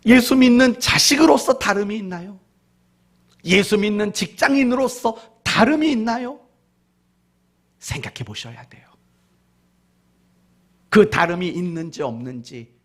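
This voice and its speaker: A male pastor preaching a sermon, questioning the congregation directly and mixing in humorous family stories, going from loud to hushed. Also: sits high, animated, unhurried, pauses often. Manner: mixes in humorous family anecdotes.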